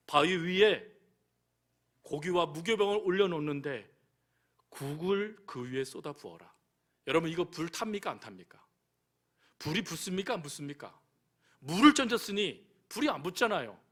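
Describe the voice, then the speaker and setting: A male pastor delivers a sermon in a high, bright voice. His pitch swings widely as he questions the congregation and acts out voices from the story.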